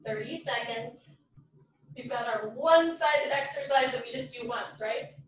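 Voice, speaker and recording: Fitness coach, woman, slightly high voice, breathless cueing, distant echoey room mic. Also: measured pace. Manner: cueing reps and counting down, upbeat. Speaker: fitness instructor. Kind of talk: live workout instruction. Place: home workout room. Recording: roomy echo from far off the mic.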